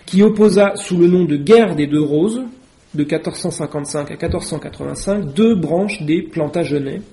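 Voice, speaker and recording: A man's voice: fairly high pitch, moderate pace, dark tone. A man giving an informal literature lecture, conversational and hesitant, with many fillers. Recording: roomy echo.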